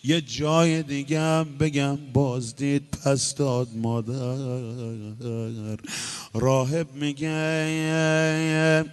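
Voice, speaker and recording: A man's voice: mid-range voice, steady tone, smooth, faint music behind. A man reciting a religious mourning story in a half-sung, chanting way that rises into lament. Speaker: religious eulogist.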